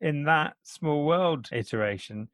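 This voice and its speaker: A man's voice: fairly high pitch, expressive, measured pace, a bit bright, no room sound. A man hosting a podcast interview, asking easygoing questions with a joking touch. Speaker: podcast host. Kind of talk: casual interview.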